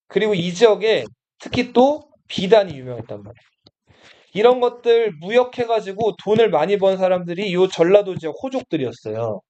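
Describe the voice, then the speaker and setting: A man's voice: high-pitched, darkish tone. A man teaching a Korean history lesson to students in a classroom. He keeps asking the class questions and then answers them himself. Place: study room classroom. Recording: dull lo-fi classroom recording.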